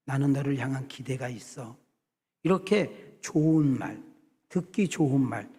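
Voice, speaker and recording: Preaching in his church sanctuary, a middle-aged South Korean senior pastor frequently calls out to his congregation and rises to emphatic passages. His voice is fairly high but darkish in tone, and the recording has a big-room feel.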